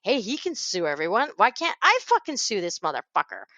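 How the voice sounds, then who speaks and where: A woman guesting on a podcast, telling stories in a profane, animated way. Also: mid-range voice, brisk, dry recording, dull audio. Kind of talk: casual podcast chat.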